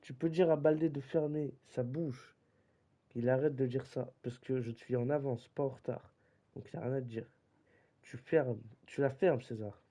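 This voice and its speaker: A man's voice: mid-range voice, steady tone, moderate pace, dark tone. A young man streaming a football game live, chatting casually in slang and teasing his viewers. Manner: slangy, teasing, keeps saying "gros". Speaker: streamer running a football league. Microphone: desk microphone.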